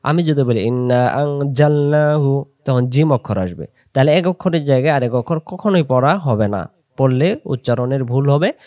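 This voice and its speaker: A man with a Bangladeshi Bengali accent teaching Arabic letter pronunciation, drilling each sound slowly for listeners to repeat. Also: medium pitch, expressive, a little mellow, dry recording. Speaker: Quran recitation teacher. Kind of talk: slow pronunciation lesson with drills.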